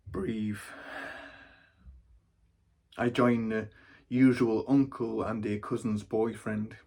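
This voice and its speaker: A man's voice: medium pitch, a little mellow. Wry man. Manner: wry, dry storytelling. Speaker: actor. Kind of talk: theatrical monologue.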